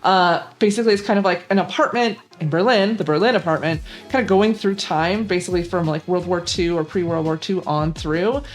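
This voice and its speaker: Young woman, rambling gaming vlog chat, lots of uh and um, fairly low voice, faint music behind. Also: a little fast, few pauses. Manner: rambling, chatty, many fillers and laughs. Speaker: gaming channel host. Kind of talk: casual gaming vlog commentary.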